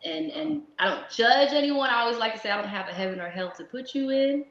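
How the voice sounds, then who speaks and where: A woman in her thirties from South Florida, chatting as an interview guest in a lively way, laughing often and restarting her sentences. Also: fairly high pitch, fast talker, slight background noise. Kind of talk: casual interview chat. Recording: echoey lo-fi room.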